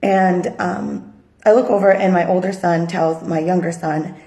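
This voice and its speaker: A woman from Sri Lanka making an earnest, halting personal video appeal as a mother, audibly upset and pausing often. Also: lowish voice, fairly even intonation, warm tone. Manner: earnest, halting, with many pauses and fillers. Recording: echoey room.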